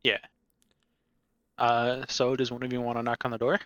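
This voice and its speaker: Male game master, casual and filler-heavy; bright, dry close-up sound. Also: mid-range voice, completely flat delivery, moderate pace, no room sound, highs cut off. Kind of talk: narrating a tabletop game.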